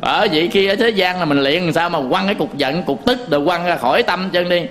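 A Buddhist monk teacher with a Southern Vietnamese accent gives a sermon, telling folksy stories, chuckling often, and addressing his listeners directly. His voice is high-pitched and fairly bright, a little fast, with slight background noise.

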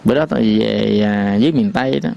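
A man giving a Buddhist sermon, folksy and repetitive, sometimes chanting verse lines slowly. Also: on the low side, vocal fry, warm tone. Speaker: Buddhist teacher.

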